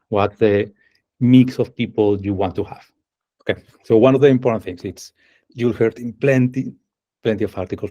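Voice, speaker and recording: With a mid-range voice and dark tone, a man from Spain leads an online video-call presentation as an engineering manager. He speaks with a Spanish accent, explaining each step and asking his audience questions.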